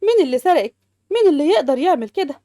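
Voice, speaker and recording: Snappy Egyptian housewives trade barbs at high speed, as a woman voices them. Her voice runs high and quick, recorded close and dry. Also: sing-song, warm tone, dry recording. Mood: defensive. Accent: Egyptian Arabic. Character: adult sisters-in-law, sharp-tongued and bickering.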